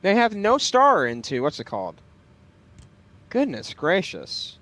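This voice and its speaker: A man's voice: sits high, huge pitch swings, a little slow, fairly bright tone. A man livestreaming a flight simulator, talking casually and hesitantly as he thinks aloud. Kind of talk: casual livestream commentary with pilot radio calls.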